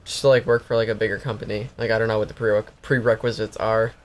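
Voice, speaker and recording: A man's voice: on the low side, level tone, fast talker. A young man co-hosting a casual gaming chat, rambling with lots of likes and restarts. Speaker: co-host.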